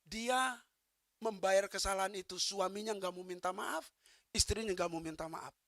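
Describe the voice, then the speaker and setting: A pastor preaching a sermon, swinging from soft talk to fervent shouting and quizzing the congregation with quick questions. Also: mid-range voice, dry recording, clean studio sound.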